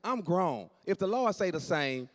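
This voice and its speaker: A man in his late forties doing animated stand-up storytelling on stage, dropping to low asides and jumping up for punchlines. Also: a little slow. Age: 40s. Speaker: stand-up comedian. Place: church hall on stage. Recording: long hall reverb.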